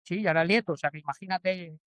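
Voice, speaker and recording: Spanish man in his forties, smooth and halting. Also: high voice, a bit bright, no echo. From Spain. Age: 40s. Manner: hesitant, many restarts and fillers. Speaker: bullfighter guest. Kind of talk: casual interview answers.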